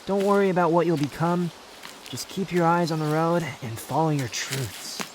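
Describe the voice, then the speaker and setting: A man playing an aloof, brooding young male wanderer, haughty yet tender, in a measured, pensive roleplay ASMR monologue. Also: on the high side, noisy background, lightly acted. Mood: firm encouragement. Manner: measured, pensive, dramatic pauses.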